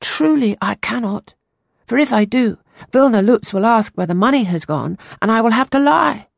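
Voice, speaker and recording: A woman voicing an earnest, solemn ten-year-old boy who speaks in a high, urgent way. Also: expressive, moderate pace, vocal fry, dry recording, studio quality.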